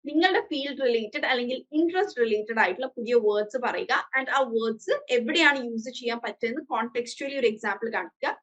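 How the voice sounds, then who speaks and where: In a low-quality recording, a woman with a Malayali accent teaches English over a video call, switching between English and Malayalam and often praising her students. Her slightly high voice is animated and a bit bright, moving fairly quickly with few pauses.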